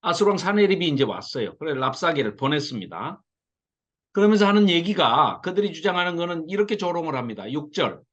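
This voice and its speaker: A middle-aged man teaching a Bible study to a small class, lively and often acting out mocking lines. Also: on the high side, a little fast, muffled recording. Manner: animated, mocks the invaders in acted quotes.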